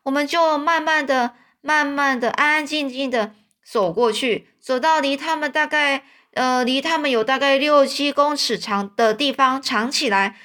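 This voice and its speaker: A woman's voice: high-pitched, normal speed, sharp tone, pitched above the performer's own voice. A woman voicing a kindly, talkative old man in a storybook reading. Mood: storytelling. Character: kind old man, warm father.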